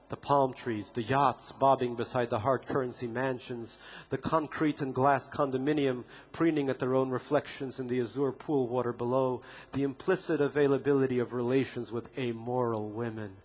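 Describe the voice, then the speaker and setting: Reading his own memoir on stage at a literature festival, a man entertains the audience with dry irony and well-timed deadpan humor. He speaks in a husky voice at medium pitch.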